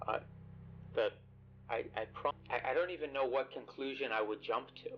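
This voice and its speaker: A man voicing a hesitant, anxious man on a call, halting and stammering, his voice bitcrushed and crunchy. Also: mid-range voice, dull audio, a little hiss or hum. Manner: halting, stammering, repeats words.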